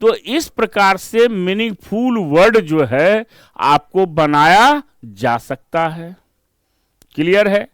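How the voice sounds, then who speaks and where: This reasoning teacher, a man with an Indian accent, walks students through exam prep step by step in mixed Hindi and English, checking in with rhetorical questions. His high, crisp voice is expressive and a bit bright, recorded close and dry with no room sound.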